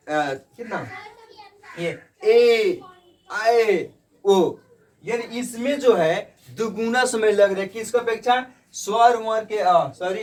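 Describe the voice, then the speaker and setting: A male teacher giving a grammar lesson, who asks questions and answers them himself, repeats each point and calls his students "brother". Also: sits high. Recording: voice somewhat far from the mic.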